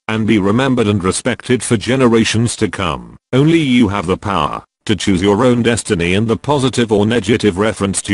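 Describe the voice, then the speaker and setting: A man reading out a solemn, measured scripted statement as a spokesman, his voice disguised and electronically deepened. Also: no room sound. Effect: disguised deep voice, electronically altered.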